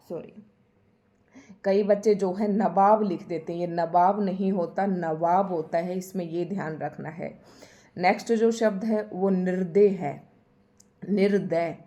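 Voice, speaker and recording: A woman's voice: on the low side, dark tone. A woman teaching a Hindi spelling lesson for exam preparation. She explains patiently and says each word again and again to stress how it is spelled.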